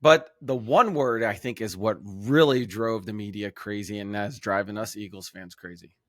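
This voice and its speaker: Laughing, lively sports podcast host. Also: male voice, fairly low pitch, no room sound, studio quality. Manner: laughs easily, quick and lively, bursts louder when excited. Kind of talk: casual sports talk.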